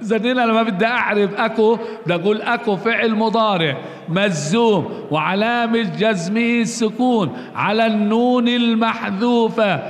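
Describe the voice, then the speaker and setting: A man teaching a grammar lesson, explaining slowly and repeating points, posing questions and answering them himself. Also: high voice. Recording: long reverb, roomy hall.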